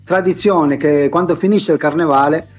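A man's voice: a little high, fairly even intonation, faint music behind. Man on a muffled call line. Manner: hesitant, halting, with many fillers. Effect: heard over an online call line, dull and lo-fi. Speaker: guest songwriter. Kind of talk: casual interview over a call.

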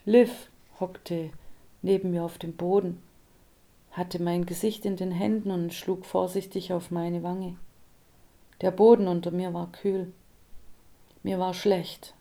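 A woman reads an audiobook in a calm, measured narration. Her voice is slow and gravelly. The tone sits dark and mellow. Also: lowish voice.

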